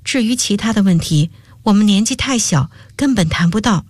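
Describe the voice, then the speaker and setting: A woman's voice: medium pitch, expressive, moderate pace, darkish tone, no echo, studio quality, natural voice. A woman reading a radio story, voicing an earnest young male student who speaks hesitantly.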